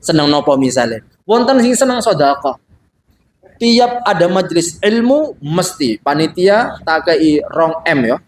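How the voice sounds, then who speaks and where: A man with a Javanese accent preaching in a study hall, moving between chanted Arabic lines and lively storytelling. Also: fairly high pitch, measured pace. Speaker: religious teacher. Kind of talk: sermon. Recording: echoey room, faint ambient noise.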